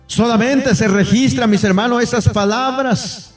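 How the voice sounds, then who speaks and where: A male pastor with an extremely high voice, fairly even intonation, and an unhurried pace preaches fervently to his congregation in a church hall. He repeatedly calls them brothers and acts out pleas in a raised voice. He is recorded off-mic from a distance, in an echoey room with faint music.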